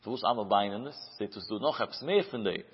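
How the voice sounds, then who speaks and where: A man giving a Talmud study lesson in a chanting singsong cadence, his pitch rising and falling through each phrase. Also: expressive, normal speed, breathy edge. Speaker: Talmud teacher. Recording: muffled, dull recording with long hall reverb.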